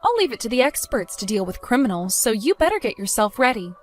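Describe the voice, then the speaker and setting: A protective young mother, voiced by a woman in a dramatized story, cutting and sarcastic, her high voice leaping with scorn. Faint music runs underneath. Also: big pitch swings, fast. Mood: accusing. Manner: accusing, sarcastic.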